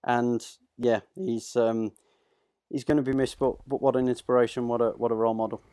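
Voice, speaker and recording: Male guest, earnest, flat delivery, smooth mellow tone. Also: medium pitch, dry recording, clean studio sound. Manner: earnest, with halting restarts. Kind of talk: tribute in an interview.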